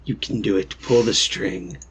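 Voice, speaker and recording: A man with a husky voice casually commenting on a game and reading its text aloud. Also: lowish voice, fairly even intonation, measured pace, fairly bright tone, a little hiss or hum. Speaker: game co-player.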